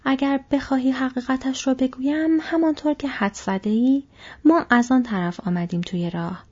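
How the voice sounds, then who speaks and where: A woman's voice: sits high, darkish tone, muffled recording, pitched above the performer's own voice. A woman voicing a cheerful, polite young male hobbit who speaks in an easygoing way. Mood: candid.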